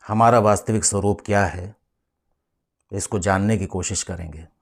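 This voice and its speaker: Deep, steady, and a bit creaky, the man's voice walks listeners through a guided meditation. He speaks as a spiritual teacher, measured and instructive, with deliberate pauses.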